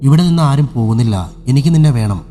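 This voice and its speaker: A man's voice: medium pitch, animated, fast, mellow, close to an everyday voice. A man voicing Yakshami, a vengeful female spirit. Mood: menacing.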